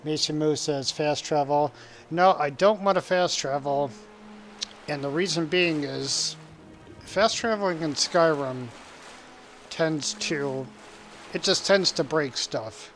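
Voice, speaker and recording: A man's voice: a little high, takes it slowly, fairly bright tone, soft background music. A man from the United States streaming a game, chatting casually, chuckling and reading comments aloud. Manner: rambling, chuckling, reads chat aloud. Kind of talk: casual live-stream chat while gaming.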